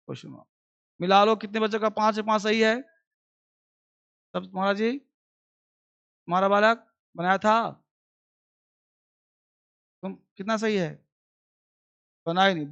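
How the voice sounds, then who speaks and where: Man, high voice, teacher, classroom lesson, repetitive question drills, muffled lo-fi recording. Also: a bit bright. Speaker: English teacher. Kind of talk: classroom lesson in basic English.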